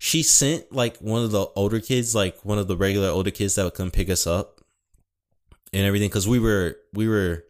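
Deep-voiced young man, casual rambling. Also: brisk. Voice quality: mild speech impediment. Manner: rambling, frequent swearing and self-corrections. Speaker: podcast host. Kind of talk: casual solo talk.

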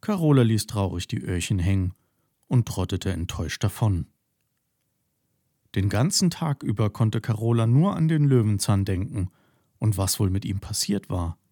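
A man narrating a children's story in an expressive storytelling way. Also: lowish voice, normal speed, no echo, clean studio sound.

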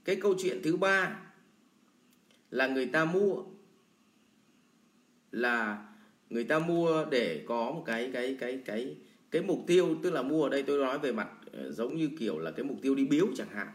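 A man's voice: mid-range voice, animated, moderate pace, pauses often. A man teaching sales in a blunt, colloquial lecture full of everyday examples. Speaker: sales trainer. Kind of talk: lecture answering a viewer question. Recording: roomy echo.

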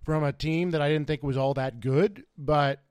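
A man's voice: a little high, fairly even intonation, normal speed, a little mellow, smooth, dry recording, clean studio sound. A man co-hosting a casual sports podcast, talking loosely with lots of restarts. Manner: loose, rambling, many restarts. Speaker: podcast co-host.

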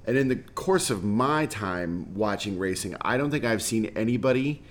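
A man's voice: on the low side, animated, moderate pace. A man co-hosting a sports podcast in casual chat, joking and eager to chime in. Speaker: podcast co-host.

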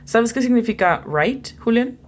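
A woman's voice: fairly high pitch, animated, a little slow. A woman hosting a beginner English lesson, patiently explaining vocabulary, spelling words out and encouraging her student. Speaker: language teacher and host. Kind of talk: bilingual English lesson podcast.

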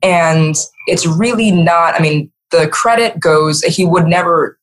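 Appearing as a guest on a conversational podcast, this middle-aged marketing executive talks earnestly and with emphasis in a lowish, unhurried voice. The audio is poor.

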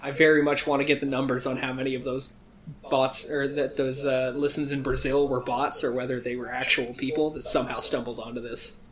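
A man playing in a tabletop game in casual chat, loud and playful, riffing on jokes. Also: mid-range voice, level tone, brisk, rough recording.

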